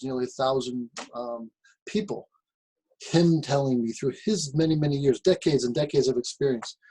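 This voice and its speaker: A man's voice: mid-range voice, a little mellow, rough recording. A man who teaches martial arts, speaking as host in an earnest, reflective way about his teachers. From United States. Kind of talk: reflective talk to camera.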